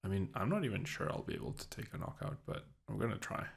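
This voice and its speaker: Man, deep voice, gravelly, unhurried, casual card-game commentary, dry sarcasm. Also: animated. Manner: low-key, dryly sarcastic, thinking aloud. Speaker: gameplay commentator.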